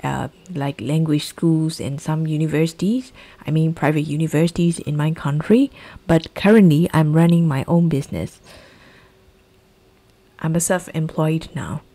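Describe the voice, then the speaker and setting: Her mellow voice sits low. She's a Burmese-accented teacher from Myanmar preparing students for an English exam, drilling key phrases by repeating them slowly.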